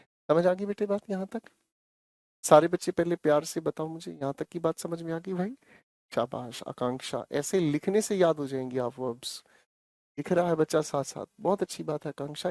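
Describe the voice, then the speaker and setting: A man's voice: fairly high pitch, a little mellow, no room sound, clean studio sound. A male teacher explaining English grammar to an online class, coaxing and repeating himself, calling the students his children.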